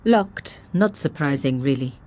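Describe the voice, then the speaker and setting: Wry young sleuth journalist. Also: female voice, very deep voice, animated, a little slow, a little mellow, slight background noise. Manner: dry, self-mocking asides. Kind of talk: game voice-over narration.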